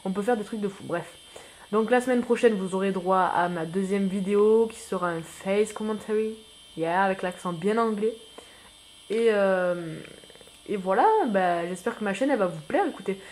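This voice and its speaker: A man giving casual gameplay commentary as a new YouTuber, rambling and self-mocking, full of slang and excitable outbursts at the game. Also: high-pitched, normal speed, a little hiss or hum.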